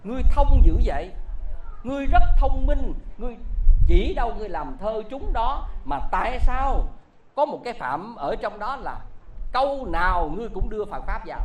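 A preacher voicing a stern, hot-tempered rich old man who scolds loudly, in a storytelling sermon. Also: medium pitch, big pitch swings, normal speed, a little hiss or hum, poor audio. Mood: suspicious. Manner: loud, shouting accusations.

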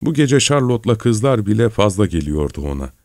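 A man with a low voice narrates a literary story in a calm, measured way. The recording is completely dry and close, with no room sound. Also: no echo. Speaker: audiobook narrator.

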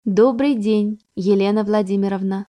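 A woman's voice: mid-range voice, steady tone, moderate pace, dark tone, close to an everyday voice. A woman voicing a teenage boy android with a stiff metallic, machine-like voice in an audiobook. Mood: polite. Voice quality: metallic, robotic machine-like delivery. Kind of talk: audiobook reading.

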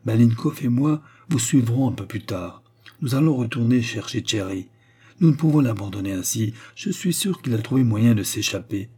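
A man's voice: medium pitch, lively intonation, moderate pace, warm tone, husky. A man voicing a resolute, protective young Englishman in a storybook reading, speaking earnestly and urgently.

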